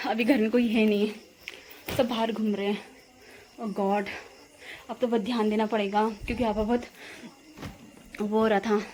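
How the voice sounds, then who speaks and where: Woman vlogger w a high voice, chatty and laughy, phone mic, faint hiss behind. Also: a little mellow. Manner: chatty, laughing while retelling a scare. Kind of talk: casual vlog chat. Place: walking outdoors at night, then at home. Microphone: phone camera.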